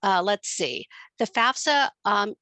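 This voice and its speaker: Bright-voiced woman with a New York accent. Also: mid-range voice, takes it slowly, no echo. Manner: explanatory, steady, with frequent ums. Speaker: financial aid presenter. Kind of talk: informational webinar presentation. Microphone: computer mic on a video call.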